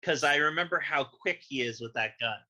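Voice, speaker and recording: Male player, very bright and sharp tone, wry and laid-back. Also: a little high, brisk, lo-fi sound. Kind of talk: casual tabletop game talk.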